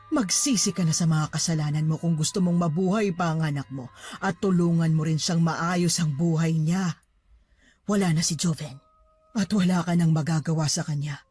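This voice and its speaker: A woman's voice: deep voice, a little mellow, lightly acted. A woman voicing a cold, vengeful older mother who accuses and preaches in a dramatized horror story.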